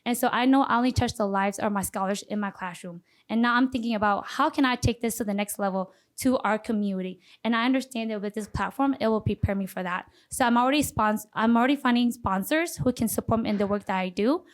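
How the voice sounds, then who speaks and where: Female pageant contestant, higher register, earnest and formal interview delivery. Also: fast, hardly any pauses. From Minneapolis, Minnesota.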